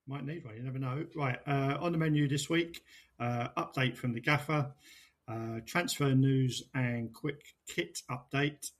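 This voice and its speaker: A man's voice: mid-range voice, unhurried. A man hosting a sports podcast in casual, chatty style. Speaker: podcast host.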